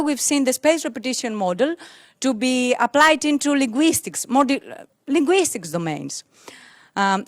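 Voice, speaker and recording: Speaking into a handheld mic, a young Greek-native woman presents a technical talk at a tech conference, hesitating often with fillers and restarts as she hunts for words. Her pitch sits a little high, and the audio is close and dry, with no room sound.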